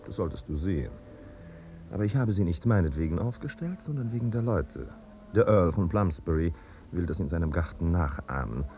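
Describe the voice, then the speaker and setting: Snobby fussy aristocrat host, deep voice but jumpy, old radio play. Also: male voice, animated, a little fast, warm tone, slight background noise. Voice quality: fussy, easily alarmed. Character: vain, snobbish aristocratic party host, man. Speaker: party host. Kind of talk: 1950s radio drama acting.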